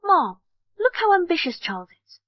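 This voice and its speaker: High, pleading young bride. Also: female voice, big pitch swings, normal speed, dry recording. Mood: upset. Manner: pleading, upset. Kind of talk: English drama dub. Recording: dull dry studio dub.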